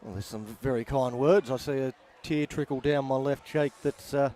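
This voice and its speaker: A man with an Australian accent calling a football game outdoors, measured and wry, with plenty of pauses. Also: medium pitch, fairly even intonation, warm tone. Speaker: play-by-play commentator. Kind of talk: sports commentary wrap-up. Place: outdoor sports ground.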